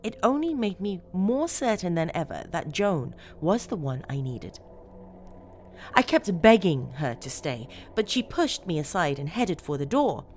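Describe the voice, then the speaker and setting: A woman narrating a first-person horror story as a disturbed, obsessive woman who confides with eager, unsettling fondness, dramatically and with deliberate pauses. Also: fairly low pitch, big pitch swings, darkish tone. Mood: disturbed, pleading.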